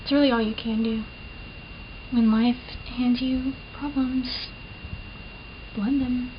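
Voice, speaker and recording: At home doing her makeup, a young woman talks casually and meanderingly, full of fillers and self-deprecating jokes. She speaks slowly with fairly even intonation, her voice a bit high with a slight lisp. The camera's built-in mic yields muffled, dull audio with steady hiss underneath.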